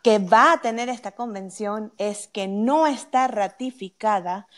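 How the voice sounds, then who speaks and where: A woman's voice: mid-range voice, measured pace, a bit bright. A woman answering listener questions on wills as a legal expert, explaining step by step and checking in with a frequent "ok?". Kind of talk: explaining answers in a live Q&A chat.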